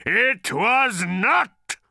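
A man voicing a vengeful, hate-filled male creature who rasps, hisses and bellows. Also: animated, extremely slow, bright, forceful tone, dry recording, studio quality, heavily acted. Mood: furious. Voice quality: rasping, hissing, bellowing. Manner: menacing rumble rising to shrieks. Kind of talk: audiobook character voice.

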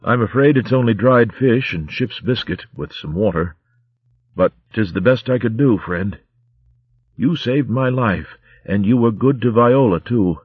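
A man's voice: fairly low pitch, expressive, measured pace, husky, no room sound, lo-fi sound, pitched above the performer's own voice. A man voicing a kindly old male mouse abbot who speaks tenderly in old-fashioned words.

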